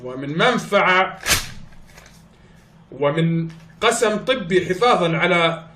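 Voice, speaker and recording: A man's voice: high-pitched, lively intonation, slow pace, noisy background. A man making a prank phone call in a hesitant, stalling way. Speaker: prank caller. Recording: echoey room.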